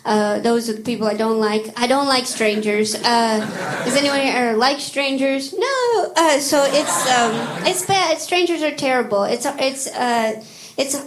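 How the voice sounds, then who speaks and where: A woman doing a stand-up comedy set, rambling and self-deprecating, with halting restarts and crowd work. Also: high-pitched, animated. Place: comedy club stage. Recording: echoey club with loud crowd laughter. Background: audience laughter.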